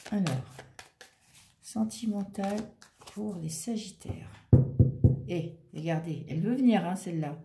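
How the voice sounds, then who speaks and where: This woman has a dark, medium-pitched voice and a measured pace broken by long pauses, recorded in a reverberant room with a little hiss or hum. She's a tarot reader chatting reassuringly, voicing her thoughts as she reveals the cards in a casual reading.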